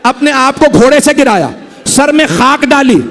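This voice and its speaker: A high-pitched male preacher tells a mourning story from the pulpit. He builds to impassioned peaks and keeps pleading with the gathering to stay with him. His delivery is emotional and storytelling. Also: animated, moderate pace, a bit bright, in a large hall. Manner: emotional storytelling, urging listeners to watch him. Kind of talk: mourning sermon.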